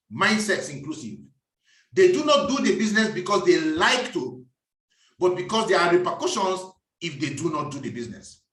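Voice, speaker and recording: A man's voice: high voice, fairly bright tone, distant mic. A man giving a preachy, emphatic business talk and repeating his key phrases. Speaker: business speaker. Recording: echoey room, voice off-mic.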